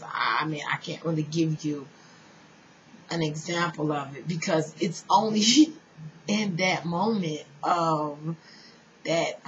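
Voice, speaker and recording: An earnest woman recounts a personal spiritual experience straight to her listeners, at times dropping into a hushed whisper. Her voice sits a little low. The recording is dull and lo-fi, with a faint hiss behind her. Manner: earnest, addresses listeners as y'all, drifts into soft whispers. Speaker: spiritual storyteller. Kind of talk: personal testimony. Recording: dull lo-fi sound with faint noise.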